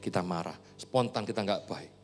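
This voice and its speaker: A man preaching a sermon as a pastor, swinging between loud points and hushed asides. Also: on the low side, normal speed. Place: church hall. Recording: reverberant church hall with soft music.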